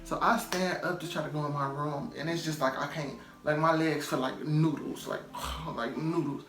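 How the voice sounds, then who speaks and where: A man recounts his own story in a relaxed, rambling vlog manner, leaning on fillers and repeating words to drive a point home. His voice sits a little high for a man. The room echoes around him, with faint music underneath. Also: normal speed. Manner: loose, chatty, many "um" and "like" fillers; emphatic, repeats phrases for stress. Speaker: storytime vlogger. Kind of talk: casual storytelling. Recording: roomy echo, faint music behind.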